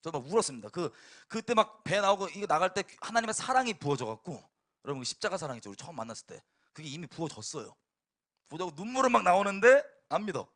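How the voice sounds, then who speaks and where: A man preaching, telling a personal testimony in a sermon with lively, emphatic storytelling and bursts of laughter. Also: high-pitched, quick pace.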